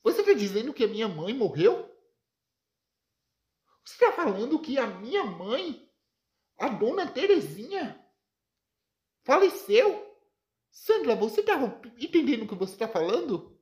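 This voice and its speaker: A woman's voice: mid-range voice, slow pace, pauses often, a little mellow, natural voice. A Brazilian woman voicing a bitter middle-aged father who fires off incredulous questions. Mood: shocked.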